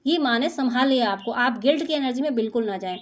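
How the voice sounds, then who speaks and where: A woman's voice: on the high side, quick pace. A woman doing an intuitive spiritual reading for her viewers, talking in a soothing, motherly, reassuring way. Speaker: spiritual card reader.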